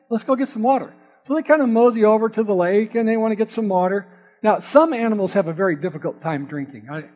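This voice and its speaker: A man preaching to an audience, telling a playful folksy farm story and joking with the crowd. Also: sits high. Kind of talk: sermon with storytelling. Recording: dull audio with long hall reverb.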